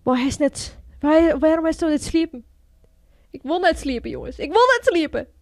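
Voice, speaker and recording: A woman's voice: high-pitched, moderate pace, no room sound, clean studio sound. A woman with a Frisian accent chatting casually to viewers while she plays a video game, exclaiming at what happens on screen. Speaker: gaming video host. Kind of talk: casual gameplay commentary.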